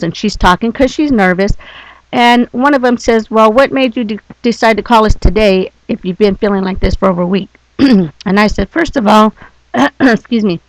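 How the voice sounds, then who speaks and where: A woman talks straight to camera in a relaxed vlog, blunt and animated as she tells her story. Her voice has a gravelly edge and a slight lisp. The sound is dry and close, with little room echo. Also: medium pitch. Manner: lisping from a mouth injury. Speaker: vlogger. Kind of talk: casual personal storytelling.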